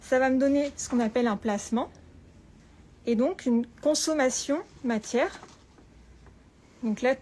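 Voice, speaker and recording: A woman presenting an informal tutorial through a face mask, speaking carefully and deliberately with frequent pauses and a slightly muffled sound. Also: high-pitched, a little mellow. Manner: careful, deliberate, often pausing. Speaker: patternmaker presenting a lesson. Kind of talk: spoken tutorial with informal explanations. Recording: clear background room noise.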